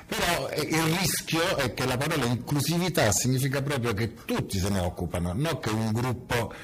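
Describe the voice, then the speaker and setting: A man's voice: mid-range voice, lively intonation, moderate pace, slight background noise. A man photographer answering interview questions in a frank, provocative way, often searching for his words. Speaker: photographer and creative director.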